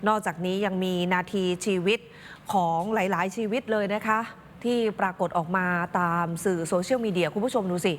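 A female news anchor at a mid pitch, talking directly to the audience with expressive emphasis. The sound is reverberant, with a faint hiss underneath. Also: moderate pace. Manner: expressive, talks directly to viewers. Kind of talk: news commentary.

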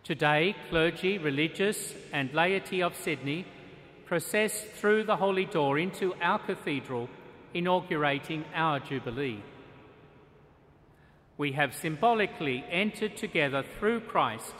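Solemn archbishop preaching in a cathedral. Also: male voice, a little high, expressive, fairly bright tone. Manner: measured, solemn preaching with deliberate pauses. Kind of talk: sermon. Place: large stone cathedral, at a lectern. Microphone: lectern microphone. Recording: long cathedral reverb.

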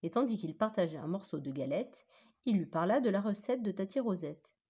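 A woman teacher reading a children's story aloud with animated, expressive storytelling. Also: mid-range voice, a little fast, husky.

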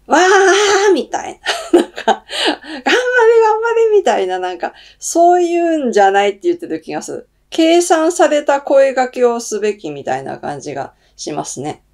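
A woman's voice: a little high, very animated, moderate pace, a little mellow. A middle-aged woman hosting her own channel, reading tarot cards and chatting casually, thinking aloud with many fillers. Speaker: tarot reader and channel host. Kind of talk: casual solo talk.

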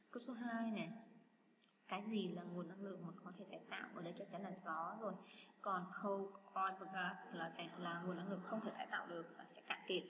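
A woman teaching English to schoolchildren, patiently walking through exam answers and talking to students in a chatty way. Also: fairly low pitch. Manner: patient, chatty, addresses students as "các bạn". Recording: echoey room with loud background noise.

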